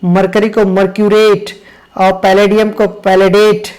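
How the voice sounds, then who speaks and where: A man's voice: sits high, monotone, measured pace, a little mellow. A man teaching chemistry from handwritten notes. He spells terms out letter by letter, keeps checking "okay", and corrects himself mid-word. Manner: spells out words letter by letter, repeats "okay" often. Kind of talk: explaining handwritten lecture notes.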